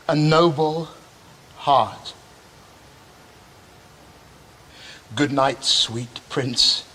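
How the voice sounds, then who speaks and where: An actor playing a prince's loyal, grieving scholar friend, in solemn, measured classical Shakespearean verse. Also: male voice, on the high side, pushed and bright, slight background noise, heavily acted. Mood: tender grief. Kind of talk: classical Shakespearean stage acting.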